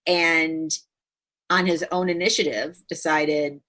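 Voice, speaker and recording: Podcast host, middle-aged woman, lowish voice, chatty and easygoing, laughs often. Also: steady tone, slow, fairly bright tone. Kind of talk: casual conversational podcast.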